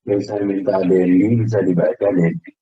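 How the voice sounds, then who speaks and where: An Indonesian lecturer with a very low, slightly husky voice talks students through his lesson in a loose, conversational manner. He comes through a video call with a dry, dull, lo-fi sound. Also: a little fast, no room sound. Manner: relaxed, conversational, frequent fillers. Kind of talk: online class lecture.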